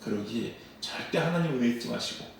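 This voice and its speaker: A man's voice: medium pitch, expressive, quick pace, creaky, recorded from a distance, slight background noise. A man preaching a sermon as pastor, acting out quoted dialogue and asking the congregation questions. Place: church sanctuary at a dawn service. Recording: echoey church sound from away from the mic.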